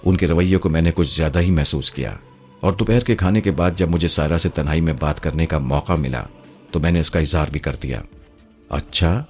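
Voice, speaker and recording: A man giving measured, literary first-person narration of a novel. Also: very deep voice, soft background music.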